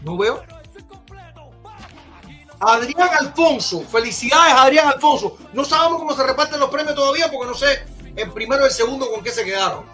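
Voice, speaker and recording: A male podcast host with an unusually high, bright voice. He talks in an excitable, casual way, exclaims a lot and says the same phrase two or three times in a row. Faint music plays behind him. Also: brisk. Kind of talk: casual live-stream chat.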